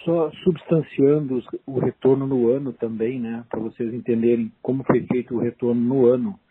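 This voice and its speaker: A man with a Brazilian accent giving an unscripted business presentation as an investment officer, halting and explanatory. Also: medium pitch, fairly even intonation, breathy edge, no room sound. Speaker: investment fund chief investment officer. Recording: noisy narrow phone line.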